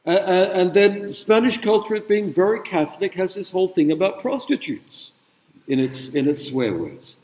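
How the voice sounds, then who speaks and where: A middle-aged man lecturing in a large hall, his voice booming with long reverb. He talks casually and asks the students questions, using lots of fillers, in a mellow, somewhat high tone. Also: animated, moderate pace. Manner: conversational, rhetorical questions, many fillers. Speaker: university lecturer. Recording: echoey hall, speaker away from mic.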